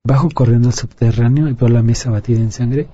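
A man tells his testimony in an earnest, confiding way. His voice is very dark and husky. The audio is dull and lo-fi, with faint music underneath. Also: mid-range voice, steady tone, quick pace. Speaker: interview guest. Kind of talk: emotional personal testimony.

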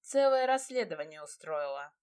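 A woman voicing a gruff, stubborn young mountain lord who talks curtly and mocks his bride. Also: low-pitched, sing-song, normal speed, darkish tone. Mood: mocking. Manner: curt, mocking, stubborn. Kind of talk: audiobook character reading.

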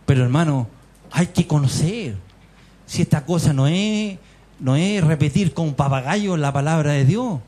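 A man's voice: a little high, expressive, a little slow, dark tone. A man with a Chilean accent preaching a fervent sermon in a church meeting hall, firing rhetorical questions and calling his listeners brothers. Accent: Chilean Spanish. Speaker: lay preacher.

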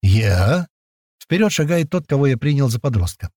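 A man narrating a first-person audiobook in a lively, slangy, conversational way. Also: on the high side, fast talker, no echo, clean studio sound.

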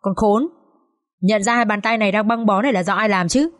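A woman's voice: mid-range voice, fairly quick, lightly acted. A woman voicing a grim, angry young man who curses harshly in an audiobook story. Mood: cold fury. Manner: harsh, cursing, cold anger. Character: young man, grim and furious, hard-edged.

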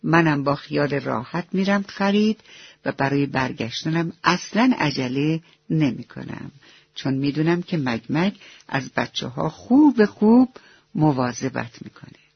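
A man's voice: fairly high pitch, animated, creaky, husky, dry recording, full character voice. A man voicing a loving, proud mother duck in a children's bedtime story, speaking tenderly and with praise. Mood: pleased. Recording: dull lo-fi dry recording.

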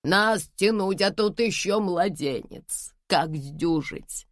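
A woman reading the part of an elderly mother, gentle and worried, speaking slowly and tenderly in an audiobook. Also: very deep voice, animated, gravelly, no echo, clean studio sound, exaggerated voice. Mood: anxious. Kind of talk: audiobook dialogue.

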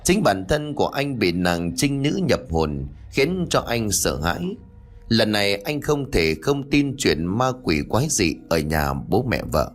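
Male audiobook narrator, deep-ish and animated, dramatic storytelling. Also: a little slow, faint music behind. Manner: expressive, dramatic.

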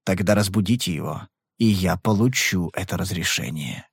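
A man's voice: low-pitched, normal speed, gravelly, slightly rough, dry recording, clean studio sound, voice pushed down, heavily acted. A man playing a blunt, probing detective. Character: cool, persistent male private detective.

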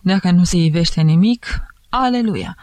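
A woman's voice: lowish voice, animated, a little mellow, dry recording, natural voice. A woman voicing a jovial male investigating judge who teases and mocks, with a thick voice. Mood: bantering. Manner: bantering, mocking.

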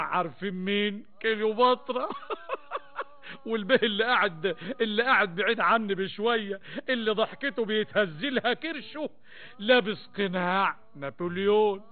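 An actor playing a wry, playful storyteller in the Arabic café manner, with an Egyptian accent, theatrically addressing listeners in rhymed colloquial prose. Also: male voice, sits high. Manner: theatrical, addresses listeners, poses and answers questions. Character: wry, playful male storyteller mocking high society. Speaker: narrator. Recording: thin phone-like old radio sound, music behind.

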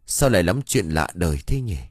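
A man's voice: low-pitched, lively intonation, fairly quick, dry recording, clean studio sound, soft background music, pitched below the performer's own voice. A man voicing a usually fearless village husband who is now uneasy and bewildered, speaking hesitantly in an audio ghost story.

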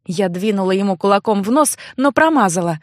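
A woman narrating a first-person fantasy audiobook in a lively, expressive way. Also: mid-range voice, a little fast, no echo, clean studio sound.

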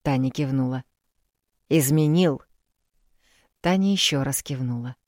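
Low-voiced woman narrating a story. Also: moderate pace, no room sound, studio quality. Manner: even, storytelling. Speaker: audiobook narrator. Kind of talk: audiobook narration.

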